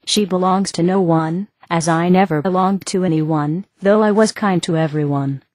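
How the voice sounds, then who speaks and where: A woman giving a measured, even scripted narration of a fantasy story. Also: on the low side, no echo.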